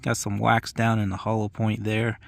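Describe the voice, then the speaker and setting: Low-voiced man giving casual product commentary. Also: monotone, moderate pace, vocal fry. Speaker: host of an ammunition test channel.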